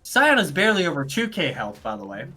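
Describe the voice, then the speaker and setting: A man calls a live esports match play-by-play with a high, bouncy voice that leaps all over the place. He is excitable and jokey, drifting into rambling asides. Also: fast talker, faint music behind. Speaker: esports caster.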